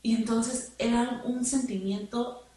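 A woman telling her testimony in church, halting and repeating words as she remembers. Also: a little high, steady tone, mellow. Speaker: church member giving testimony. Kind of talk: spoken testimony. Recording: echoey room, far from the mic, noisy.

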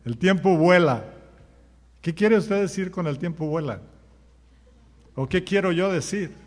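A man's voice: sits high, a little slow, a little mellow, in a large hall. A man preaching a sermon as pastor, firing rhetorical questions at the congregation and acting out common sayings. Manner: acts out everyday sayings in quoted voices.

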